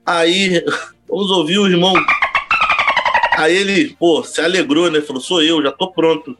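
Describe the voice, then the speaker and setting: A man's voice: fairly high pitch, fairly even intonation, measured pace, fairly bright tone, soft background music. A man co-hosting a podcast, telling a funny anecdote casually. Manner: storytelling, imitates others. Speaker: podcast co-host.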